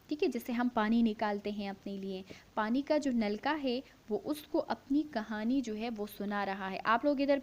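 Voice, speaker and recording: Slow-reading woman teacher, dull recording. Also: fairly high pitch, darkish tone. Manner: slow, syllable-by-syllable reading, repeating each line for pupils to follow; asks the class questions and answers them herself. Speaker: primary school teacher. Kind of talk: reading a story aloud and explaining it to young children.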